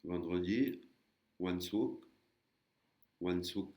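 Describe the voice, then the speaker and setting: A man with a very low voice teaches a beginner language lesson at an unhurried pace. He explains patiently, step by step, pausing and hesitating often as he goes. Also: warm tone. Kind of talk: screen-recorded lesson.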